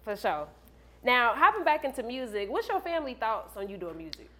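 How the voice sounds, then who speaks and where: A woman with a somewhat high voice hosts a casual interview. She talks in relaxed slang and readily agrees with her guest. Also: brisk.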